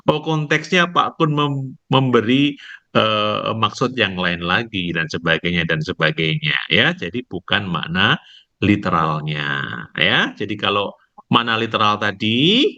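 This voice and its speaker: A male lecturer teaching online, his lowish voice bright and pushing forward. He walks through each point slowly and tags it with a checking "ya". The call audio sounds muffled and lo-fi. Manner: explains slowly, tags nearly every phrase with "ya". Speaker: university lecturer. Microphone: video call.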